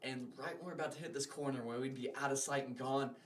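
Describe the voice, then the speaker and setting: A man's voice: medium pitch, quick pace. Rambling young man telling a story. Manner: rambling, animated, heavy on filler words. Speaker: podcast guest. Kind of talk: casual storytelling.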